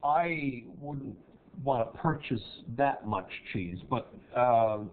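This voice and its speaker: A man's voice: medium pitch, lively intonation, slow. A man hosting a casual TV interview, asking friendly questions with frequent "uh" restarts. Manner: chatty, asks questions with many "uh" restarts. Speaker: TV show host interviewing a cheese maker. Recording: tinny, phone-like lo-fi sound.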